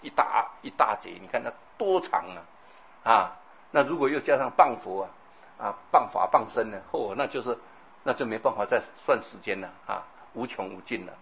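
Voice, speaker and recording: A husky-voiced man delivers a Buddhist sermon. He tells stories with animation and acts out the scenes. The recording sounds dull and lo-fi. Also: mid-range voice, normal speed. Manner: animated storytelling, acts out scenes, keeps asking the audience "right?". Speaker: Buddhist preacher.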